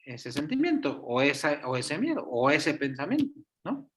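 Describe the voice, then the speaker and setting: A man teaching an online coaching webinar, lively and fond of acting out examples. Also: fairly high pitch, normal speed, slight background noise. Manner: animated, acts out voices in his examples. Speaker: coaching instructor. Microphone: video call.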